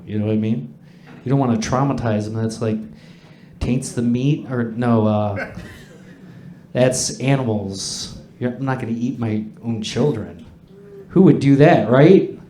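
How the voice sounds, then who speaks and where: A man performing stand-up comedy to a live audience, with a crude, profane, conversational delivery and dark jokes. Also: mid-range voice, a little hiss or hum. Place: indoor pub comedy stage. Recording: echoey live comedy room.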